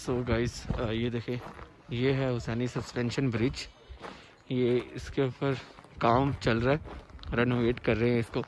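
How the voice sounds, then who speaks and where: A young man of middling pitch talks casually into a phone held at arm's length, pointing out the sights around him. He hesitates often while he chats. Wind and outdoor ambience sit clearly under his voice. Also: little pitch movement, measured pace, a little mellow. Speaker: travel vlogger. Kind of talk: casual travel vlog narration. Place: outdoors on a cold mountain road and village path. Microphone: phone camera held at arm's length. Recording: noisy outdoor phone recording.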